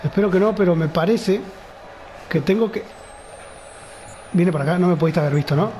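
A man's voice: sits high, fairly quick, dark tone, a little hiss or hum, rough recording. A man with a Rioplatense Spanish accent narrating a horror game, muttering nervously and frightened to himself. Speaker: gamer. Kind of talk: horror game let's play commentary.

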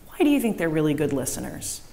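A woman's voice: sits low, quick pace. Woman leading a children's message in church. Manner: lively, coaxing questions to children, repeating their answers. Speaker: director of faith formation giving a children's message. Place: church sanctuary with a choir. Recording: long church reverb, faint room noise.

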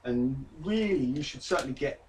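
A man hosts a laid-back podcast quiz, teasing his co-host, his voice bouncing up and down in pitch. He sits a little back from the microphone, with a faint hum of background noise around him. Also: expressive, moderate pace, darkish tone, distant mic, low-quality recording. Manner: teasing, playful quizmaster. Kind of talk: casual podcast chat.

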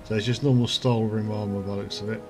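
A man hosting his gaming channel, chatting casually as he plays and thinking aloud while he reads out item stats. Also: fairly low pitch. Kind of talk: casual gameplay commentary. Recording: game music clearly behind voice. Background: game music.

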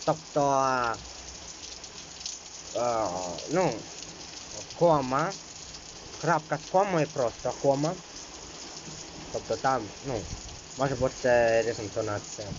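A man's voice: mid-range voice, takes it slowly, long pauses, dull audio, background noise. A man teaching an exam-prep lesson, reading out rules and then explaining them loosely, with many fillers.

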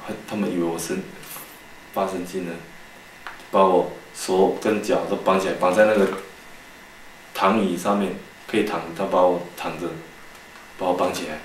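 A man's voice: deep voice, steady tone, moderate pace, pauses often, reverberant, a little hiss or hum, rough recording. A man giving a personal faith testimony in church, telling his story earnestly with many restarts and quoted dialogue. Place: church hall.

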